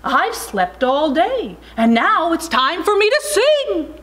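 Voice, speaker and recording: A tiny baby bird, played by a woman reading a storybook, very high and piping. The delivery is cheeky and cheerful, swooping about in a slow singsong. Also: sing-song, fairly bright tone, heavily acted. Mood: chirpy protest.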